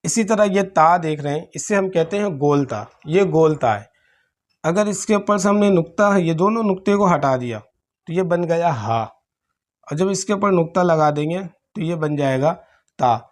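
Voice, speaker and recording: A man teaching Arabic letters for Quran reading, explaining patiently step by step and often clearing his throat. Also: a little high, expressive. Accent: Pakistani Urdu. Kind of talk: slow classroom-style letter teaching.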